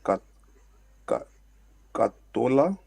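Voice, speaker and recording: A man's voice: mid-range voice, big pitch swings, creaky, a little mellow. A man student reading a list of words aloud one by one on a video call. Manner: slow, word by word.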